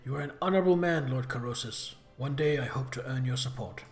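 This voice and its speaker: A man's voice: mid-range voice, a little fast, soft background music, voice pushed down, close to an everyday voice. A man voicing a wronged young noblewoman leader from a video game, earnest, stern and resolute. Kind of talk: reading video game dialogue aloud.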